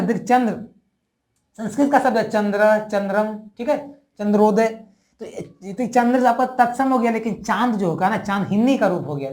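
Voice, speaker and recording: A woman's voice: mid-range voice, a little mellow. A woman teaching a grammar lesson, who repeats each word and keeps asking her viewers questions.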